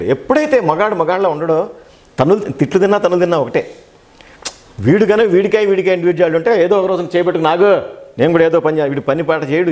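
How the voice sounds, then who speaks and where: During an interview, a man who dubs and acts recounts stories at a fast, lively clip, performing each quoted line of dialogue. His voice sits on the high side and carries a Telugu accent.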